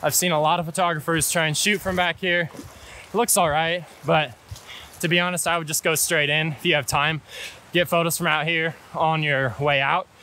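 In a slightly high voice with fairly even intonation, an American hiking and photography guide in his twenties gives a casual vlog explanation outdoors. He holds an action camera at arm's length beside rushing water in a canyon, and hiss and loud water noise fill the audio.

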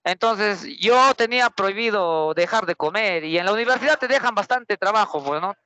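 A young man teaching a class, his voice pitched high and sounding bright and sharp, very close and dry. He speaks with a Peruvian accent and tells an anecdote in a lively, chatty way, often stopping to put rhetorical questions to his students. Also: moderate pace, dry recording. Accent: Peruvian Spanish.

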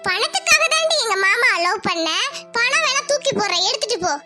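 A woman's voice: extremely high pitch, lively intonation, brisk, over loud music. A woman voicing an arrogant rich village girl in a cartoon, taunting and threatening her rival. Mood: scornful. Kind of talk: cartoon voice acting.

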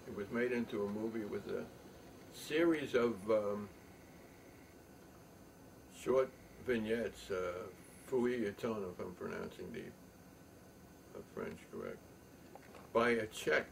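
Rambling older man, gravelly voice. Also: fairly low pitch, big pitch swings. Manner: rambling, halting, many fillers. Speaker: show host. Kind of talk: rambling casual storytelling. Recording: distant mic with faint room noise.

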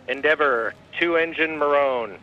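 A man, a mission control radio operator, making slow, deliberate callouts over a breaking-up space radio link. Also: on the high side, highs cut off, a little hiss or hum.

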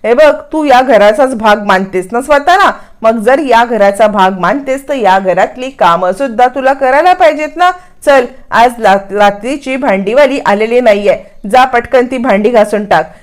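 A stern, domineering mother-in-law snaps orders in a raised, higher voice, as a woman storyteller puts her on. Her tone is bossy and scolding, with sharp little lifts. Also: normal speed, hardly any pauses, lightly acted.

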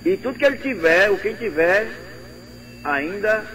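An older man calling into a radio show with a northeastern Brazilian accent, talking earnestly with halting repeats. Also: sits high, animated, bright, forceful tone, slight background noise, poor audio. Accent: Brazilian Portuguese, northeastern. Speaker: caller. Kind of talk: phone-in call.

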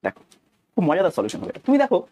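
A man's voice: high-pitched, huge pitch swings, racing, warm tone, slight background noise. A man with a Bengali accent teaching a physics lesson, talking through each step aloud, repeating phrases and asking his students questions.

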